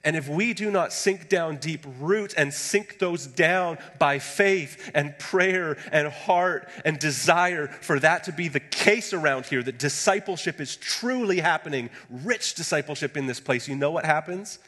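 A man's voice: fairly high pitch, measured pace, hardly any pauses, sharp tone. A middle-aged male pastor preaching a sermon in a large church auditorium, building to emphatic bursts and dropping into joking asides. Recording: reverberant hall.

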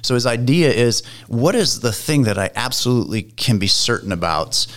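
A man's voice: medium pitch, expressive, normal speed, fairly bright tone. A man, a guest in a conversation, explaining ideas in a lecturing way and often restarting his phrases.

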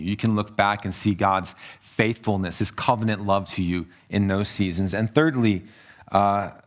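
A man preaching a sermon as pastor, earnest, moving between hushed low passages and raised emphatic ones.

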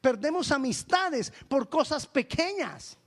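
A male pastor preaching a lively sermon, acting out little dialogues with humor. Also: extremely high pitch, takes it slowly.

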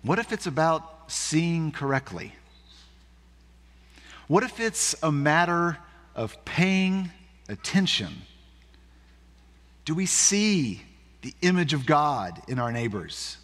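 Slow, questioning man preaching in a hall. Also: on the high side, very animated, a bit bright. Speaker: pastor. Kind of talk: sermon.

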